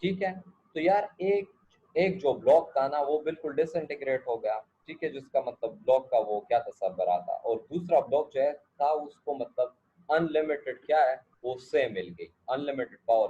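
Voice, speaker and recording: A man's voice: mid-range voice, expressive, normal speed, warm tone, slightly rough. A male lecturer, teaching a class and often checking that students follow, with English asides. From Pakistan. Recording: dull lo-fi recording.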